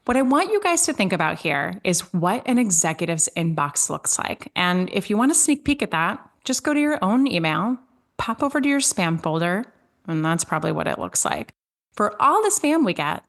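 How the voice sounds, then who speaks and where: Middle-aged swiss-born woman hosting a sales podcast, upbeat and punchy, jumps up on key words. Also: mid-range voice. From Switzerland. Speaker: podcast host. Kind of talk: podcast host recap and listener Q&A.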